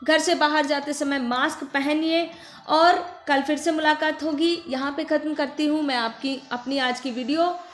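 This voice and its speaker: A woman with an Indian accent teaching a children's phonics lesson, repeating words slowly for the children to say back. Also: sits high, fairly even intonation. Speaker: primary school teacher. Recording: echoey room with faint music.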